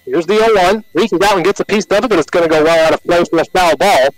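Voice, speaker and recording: A man with an American accent calling live baseball play-by-play on the radio in short, measured announcer phrases. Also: sits high, no room sound, faint music behind, rough recording.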